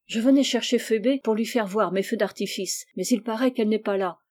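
A woman voicing a kind, jovial middle-aged uncle in a read-aloud story, hurried and coaxing. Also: fairly high pitch, a little mellow, close to an everyday voice. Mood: urging.

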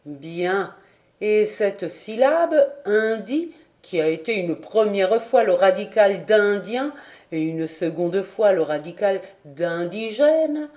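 A woman reading aloud, voicing a skeptical, dry-witted army major who questions slowly and doubtfully. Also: mid-range voice, lively intonation, a little mellow.

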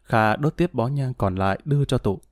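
A man narrating an audiobook in a steady, measured way. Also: medium pitch, no echo, studio quality.

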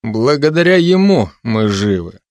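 A wry, grumbling constable, read by a man, trading dry sarcastic jabs with a cat in an audiobook. His voice sits in a middle pitch, close and dry with no room around it. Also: sing-song, unhurried, darkish tone, no echo. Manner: dry, sardonic, chatty banter with a cat.

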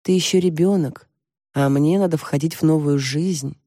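Audiobook: woman reading a calm, weary mother, dry close sound. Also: low voice, no room sound. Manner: calm, measured, tired. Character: weary, gentle mother, worried and reserved. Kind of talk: audiobook character voice.

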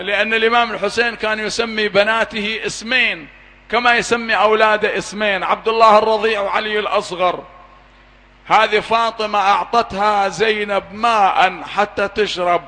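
A man's voice: high voice, bright, forceful tone. A man giving a mournful sermon, reciting an elegy with impassioned, wailing cries. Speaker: Shia eulogy reciter. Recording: long hall reverb.

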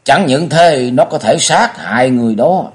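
A man's voice: mid-range voice, lively intonation, moderate pace, voice pushed up, lightly acted. A man voicing a stern, commanding old matriarch of the martial world in a storybook reading. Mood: grave. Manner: commanding, wrathful.

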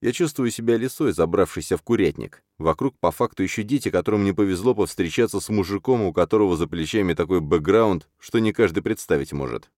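A man's voice: deep voice, fast talker, few pauses, darkish tone, no room sound, studio quality. A man narrating a first-person audiobook in a sardonic, crude and brash manner.

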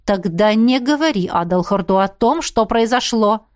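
A woman's voice: a little high, animated, lightly acted. Woman voicing a blunt, bossy young woman. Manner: brisk and commanding. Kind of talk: audiobook reading.

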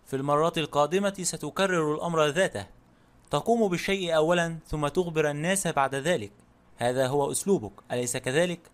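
Guy reading a blunt sharp-tongued lady of the house, audiobook, kinda high voice. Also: quick pace, natural voice.

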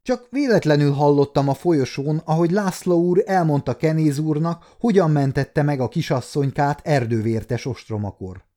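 Nervous chatty old servant guy, high strained voice, loud, man putting it on. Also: hardly any pauses, close to an everyday voice. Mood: anxious. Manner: pleading, fearful. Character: old anxious male servant, talkative.

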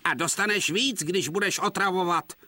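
A man's voice: high-pitched, bright, forceful tone, no echo, voice pushed up. A man voicing a proud, hot-tempered male engine twin in a dubbed cartoon, in a scolding, blustering manner. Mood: angry.

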